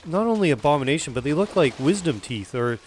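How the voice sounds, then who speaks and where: A man's voice: fairly high pitch, big pitch swings, fast, a little hiss or hum. Chatty man streaming a game. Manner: chatty, self-deprecating. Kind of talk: casual gaming chat.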